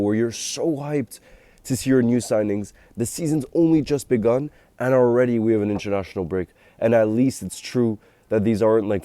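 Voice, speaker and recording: A man vlogging casually about football, congested from a cold and low on energy, rambling and chatty. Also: dark tone, no echo. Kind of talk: casual talk to camera.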